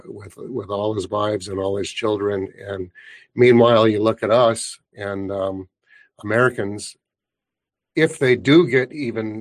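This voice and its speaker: Low-voiced man on a dry close mic. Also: no echo. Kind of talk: conversational interview.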